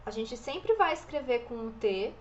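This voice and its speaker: A woman teaching an online French lesson, enunciating slowly and carefully and drawing out example words. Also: on the high side, expressive, highs cut off, a little hiss or hum. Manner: slow, careful enunciation with drawn-out model words.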